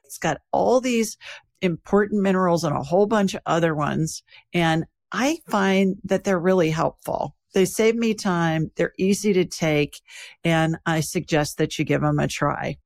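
A woman's voice: lowish voice, unhurried, vocal fry, darkish tone. A woman podcast host delivering a host-read ad in a plain, instructive way. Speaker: podcast host reading sponsor spot.

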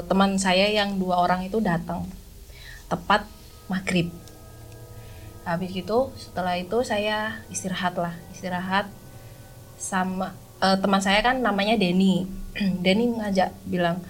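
A woman, a podcast guest who recalls a camping trip in a casual, halting way, often stopping to search for words. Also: lowish voice, slight background noise, low-quality recording. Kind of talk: casual spoken recollection.

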